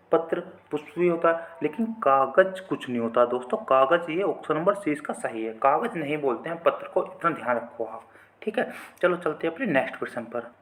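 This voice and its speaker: A man's voice: on the high side, a bit bright. A man teaching an exam-prep vocabulary quiz in a chatty, repetitive way, often calling his viewers friends.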